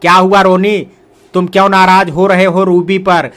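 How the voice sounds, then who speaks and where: A man doing a sharp, reproachful mother. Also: sits high, flat delivery, moderate pace. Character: indulgent middle-aged mother, quick to protect.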